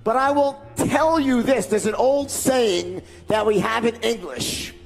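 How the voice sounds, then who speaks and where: Speaking into a headset mic on a large indoor event stage, a middle-aged man gives an emphatic, rhetorical motivational speech full of repetition. His very high voice is gravelly and measured in pace. Soft music plays in the background, and the recording quality is low.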